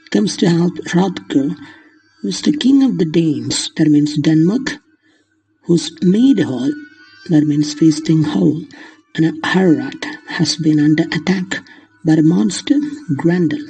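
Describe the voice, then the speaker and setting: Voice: mid-range voice, expressive, slow, warm tone, soft background music, low-quality recording. A lecturer explaining literature in the manner of a lesson, glossing terms in simple words along the way.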